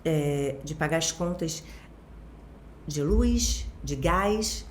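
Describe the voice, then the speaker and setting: A woman's voice: low voice, lively intonation, drawn-out words, roomy sound, a little hiss or hum. A woman with a Rio de Janeiro accent, a guest expert explaining things in casual chat with everyday examples and constant tag questions. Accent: Rio de Janeiro Portuguese. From Brazil, born in Minas Gerais.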